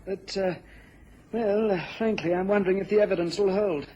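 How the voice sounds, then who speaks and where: A worried police inspector in a radio play. His voice is high and husky, and he speaks hesitantly, full of doubt. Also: fairly even intonation, normal speed, lo-fi sound. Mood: doubtful. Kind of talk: radio drama acting.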